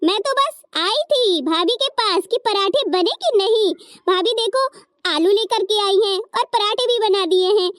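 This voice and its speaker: A sweet, outspoken teenage girl in a cartoon family drama, as a woman voices her. She pleads her case earnestly in a very high voice. The recording is dry and close. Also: a little slow, a bit bright, no room sound. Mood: pleading. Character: sweet teenage sister-in-law, kind and outspoken. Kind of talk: cartoon story voice acting.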